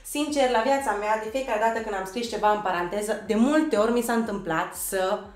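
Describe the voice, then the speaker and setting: Woman teacher from romania, spells stuff out letter by letter, drills pronunciation, echoey room on a desk mic. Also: fairly high pitch. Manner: checks in with the learners often. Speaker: English teacher. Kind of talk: online language lesson. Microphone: desk microphone.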